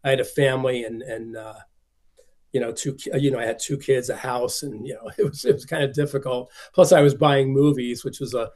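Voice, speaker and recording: An older man who collects films appears as an interview guest, chatting and spinning rambling anecdotes packed with quoted dialogue he acts out. He speaks a little fast in a medium pitch, with fairly even intonation and a darkish tone.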